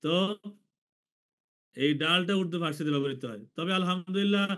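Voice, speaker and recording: A man from Bangladesh teaching an online language class, slowly repeating each letter for his students. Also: fairly high pitch, fairly bright tone. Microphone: video call.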